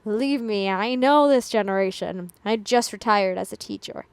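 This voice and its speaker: A woman's voice: mid-range voice, moderate pace, clean tone, no echo, natural voice. A woman voicing an older retired teacher with a thick New Jersey accent, politely brushing someone off. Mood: politely curt.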